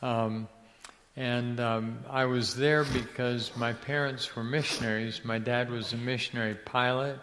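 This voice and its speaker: With a long hall reverb behind him and a little hiss or hum, an older man from Ecuador rambles through a long story as an interview guest. He's a missionary's son who keeps restarting while searching for words. His medium-pitched, fairly bright voice is unhurried, with fairly even intonation.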